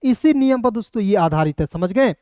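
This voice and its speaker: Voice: mid-range voice, expressive, brisk, a little mellow, smooth, dry recording, studio quality. A teacher giving an online English reading lesson, spelling words letter by letter and patiently quizzing the viewers. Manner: patient, repetitive, addresses viewers as friends. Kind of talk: Hindi-language English phonics lesson.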